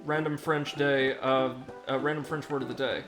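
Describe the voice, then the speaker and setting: This is casual live gaming commentary from an American man, his medium-pitched voice showing little pitch movement at a normal speed. He rambles, cracks self-deprecating puns and reads out chat while video game music plays in the background.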